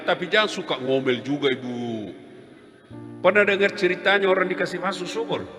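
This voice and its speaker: Comic preacher, male, lively storyteller who plays his characters; live hall sound with music underneath. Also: fairly high pitch. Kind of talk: humorous sermon.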